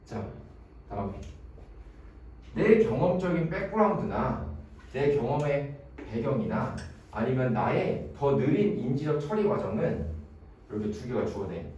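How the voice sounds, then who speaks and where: A man's voice: medium pitch, a little slow, pauses often. A male English teacher gives an exam-prep grammar lecture, his voice rising and falling as he quizzes students by name. He sounds far from the mic, in a very echoey classroom with faint noise behind him. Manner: animated, quizzes students by name, playful mnemonics.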